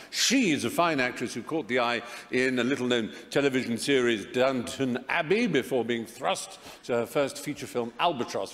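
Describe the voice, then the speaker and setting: A man's voice: medium pitch, fairly bright tone. A man hosting an awards ceremony, reading a scripted introduction on stage in a large auditorium. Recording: echoey large hall.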